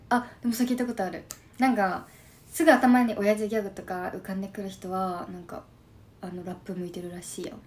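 A husky, slightly hoarse young woman in her twenties with a Shimane dialect, chatting casually on a live stream. She reads viewer comments aloud and drops soft, quick thank-yous between remarks. Her pitch sits in an ordinary middle range for a woman. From Shimane, Japan. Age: 20s. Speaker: idol livestreamer.

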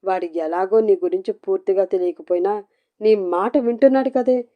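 A woman's voice: mid-range voice, normal speed, narrow, tinny audio, lightly acted. A woman voicing a middle-aged aunt who scolds and pleads in exasperation. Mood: pleading.

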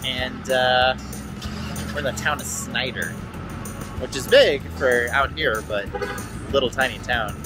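A man's voice: medium pitch, a little slow, pauses often, music in the background. A man in his thirties narrating a family road trip vlog in a chatty, offhand way, filming himself at arm's length in the car and at stops. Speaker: family travel vlogger. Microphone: handheld camera at arm's length.

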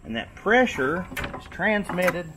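Plainspoken Kentucky farmer in a barn. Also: male voice, high-pitched, big pitch swings, takes it slowly, background noise. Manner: detailed, practical, plainspoken. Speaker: tobacco farmer giving a barn tour. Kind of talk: casual explanatory walkthrough. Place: outdoors in an open tobacco barn.

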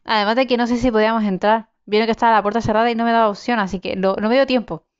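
A woman's voice: fairly high pitch, steady tone, very fast, smooth, muffled recording. A young woman commenting casually on her survival game, chatty, swearing and exclaiming as she plays. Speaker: gaming channel host. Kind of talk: casual let's-play commentary.

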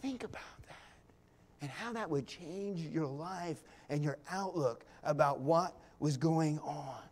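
Male pastor, slightly high voice, slow deliberate sermon, whispers that build to passionate loud peaks, folksy asides. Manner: swings from hushed near-whispers to loud impassioned climaxes, drawn-out pauses; folksy, with small laughs and asides. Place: church sanctuary.

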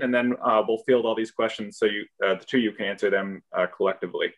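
A man moderates an online panel, handing over to speakers and reading their introductions smoothly. His voice sits at a middle pitch. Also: a bit bright. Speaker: webinar moderator.

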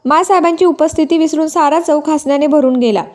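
A woman's voice: high voice, brisk, a little mellow. A woman reading a historical novel aloud, voicing the dialogue with light inflection. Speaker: novel reader.

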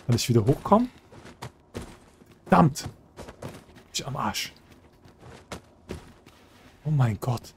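A man's voice: mid-range voice, sing-song, slow, gravelly, long pauses, slight background noise. Chatty man commenting on gameplay. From German-speaking country. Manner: chatty and joking, talks to game characters. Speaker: let's play host.

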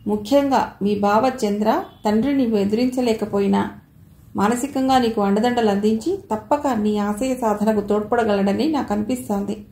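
A woman reading the part of a kindly, nostalgic elderly man who speaks fondly and gently, in a roomy-sounding recording. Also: mid-range voice, moderate pace, natural voice. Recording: roomy echo.

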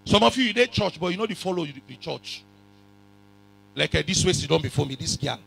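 A man with a West African accent preaching a sermon in a raspy voice, forcefully repeating phrases and questioning his congregation, sometimes in pidgin. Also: a little high, lively intonation, brisk, rough recording. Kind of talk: animated sermon, code-switching into pidgin. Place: church hall full of congregation.

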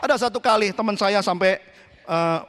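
A man preaching a sermon as pastor, with sudden shouted lines and English phrases mixed in. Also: high-pitched, normal speed. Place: church hall. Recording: long church hall reverb.

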